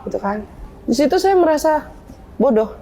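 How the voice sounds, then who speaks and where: A woman's voice: high-pitched, normal speed, slight background noise. A young woman speaking in a casual interview, telling her story with energy and acting out the lines of an old argument in slangy speech. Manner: animated storyteller acting out quoted dialogue with slangy asides.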